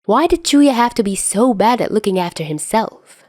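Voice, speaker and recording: A woman narrates a scripted piece of fiction in a medium-pitched, slightly mellow voice with lively intonation at normal speed. The recording is dry, with clean studio sound.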